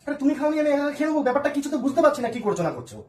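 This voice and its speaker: A woman's voice: high-pitched, expressive, rapid-fire, distant mic. A woman playing a puzzled, coaxing husband. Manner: coaxing, bewildered, teasing. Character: patient, puzzled husband, gently teasing. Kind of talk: comic sketch acting. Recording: echoey room with crowd noise.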